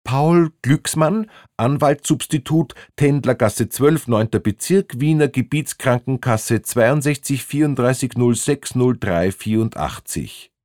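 A man's voice: medium pitch, measured pace, few pauses, a little mellow, no echo, studio quality, voice pushed up, lightly acted. A man voicing a nervous father caught without a ticket, who stammers and bluffs indignantly. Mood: bluffing.

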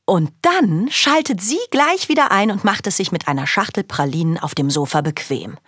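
A woman's voice: mid-range voice, animated, moderate pace, fairly bright tone, no room sound, clean studio sound. A woman narrating a children's audiobook in a chatty first-person girl's voice. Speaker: audiobook reader.

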